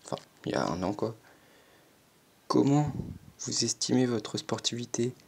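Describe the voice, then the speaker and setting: A fourteen-year-old YouTuber reads online quiz questions aloud and answers them, hesitant and self-mocking, stammering often and using lots of fillers. His voice is medium-pitched, slightly rough with vocal fry, at a normal speed.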